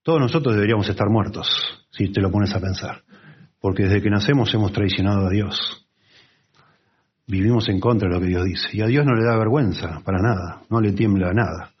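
A man preaching a conversational Bible sermon, with lively asides and acted-out quotes. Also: fairly low pitch, brisk, slightly rough, dull audio.

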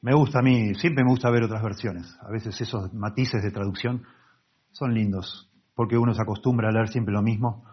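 A male pastor preaching a sermon earnestly, repeating key words, in a husky voice on a slightly muffled recording. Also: lowish voice, steady tone, normal speed.

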